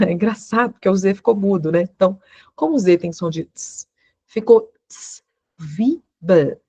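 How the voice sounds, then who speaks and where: A woman's voice: mid-range voice, a little fast, a little mellow, breathy edge, no echo. A woman teaching an online lesson, explaining patiently and checking in with short questions. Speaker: law teacher giving a German course.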